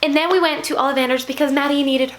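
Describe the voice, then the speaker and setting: Chatty, excited young woman vlogger. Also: sits high, fast. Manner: chatty, excited, rambling with self-corrections. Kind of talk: casual vlog recap.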